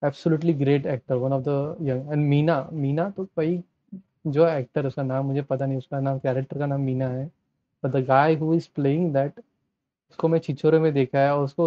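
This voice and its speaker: A man's voice: a little high, no room sound. A young man casually commenting on a trailer, mixing in English and restarting phrases as he talks. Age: young adult. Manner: chatty, mixes Hindi and English, trails off and restarts. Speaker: trailer reaction host. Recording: dull, lo-fi dry sound.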